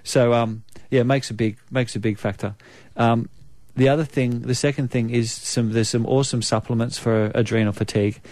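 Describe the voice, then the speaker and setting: A man with a New Zealand accent speaking as a naturopath guest, explaining in a measured way with frequent ums. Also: medium pitch, fairly even intonation, a little mellow, no echo. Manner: measured, explanatory, many um fillers. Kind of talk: conversational expert interview.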